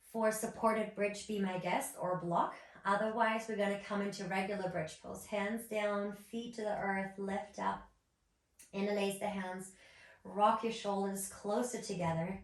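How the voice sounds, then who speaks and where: Woman yoga teacher in an echoey room. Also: mid-range voice. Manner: gentle, nurturing, encouraging. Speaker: yoga instructor. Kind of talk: guided yoga class instruction. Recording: roomy echo, distant microphone.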